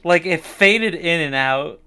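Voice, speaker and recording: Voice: mid-range voice, lively intonation, slow, over loud music. Rambling, musing live stream host. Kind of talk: casual chat.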